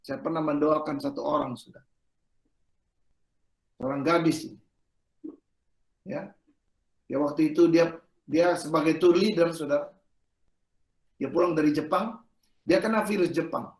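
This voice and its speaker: A man preaching a sermon as pastor, telling a story with lively animation and often turning to address his listeners directly. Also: on the high side, measured pace, pauses often. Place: church service hall. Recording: echoey worship hall.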